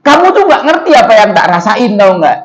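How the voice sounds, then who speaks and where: A man's voice: very animated, a little fast, rough recording. Man putting on a distraught grieving mother. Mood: angry. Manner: shrill snapping, then pleading.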